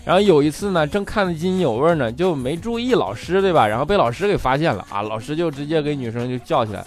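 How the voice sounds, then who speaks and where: Lively male storyteller. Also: a little high, fast, soft background music. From Northeast China. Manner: lively, jokey, acts out quoted people in raised voices. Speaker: host. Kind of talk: comic storytelling monologue.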